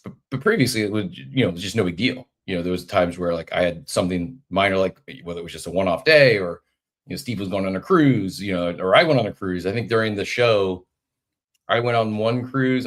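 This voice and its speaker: Man in his forties, very deep voice, stuffy nasal head cold, podcast host, rambling casual chat. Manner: rambling, friendly, with many fillers and restarts. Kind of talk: casual live audio show chat.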